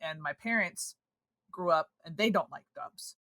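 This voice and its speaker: A woman's voice: lowish voice, measured pace, pushed and bright, no room sound. A woman chatting casually as a podcast co-host, rambling, swearing heavily and trailing off. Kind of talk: casual chat.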